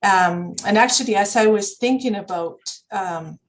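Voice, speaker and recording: A woman whose first language is Spanish speaks as a counselor on a panel, reflecting thoughtfully in a mid-range voice at a slightly slow pace. She often searches for words and starts over, and the video-call audio is rough.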